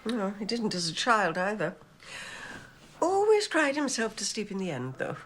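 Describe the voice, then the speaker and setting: A woman's voice: mid-range voice, big pitch swings, normal speed, a bit bright, a little hiss or hum. An older woman with an English accent playing a cool, haughty elderly mother in a television drama, with a clipped, genteel dowager-duchess manner. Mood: stiff, guarded.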